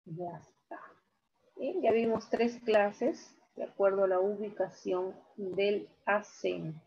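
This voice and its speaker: Slow, husky woman teacher on video call. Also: medium pitch, darkish tone. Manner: slow, repeats key words, syllable-by-syllable. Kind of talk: online class lesson. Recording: dull video-call audio.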